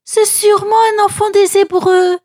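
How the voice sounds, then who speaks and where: A woman voicing a kind young princess in a children's Bible storybook, speaking softly and regally. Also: very high voice, little pitch movement, normal speed, voice pushed up. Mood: concerned.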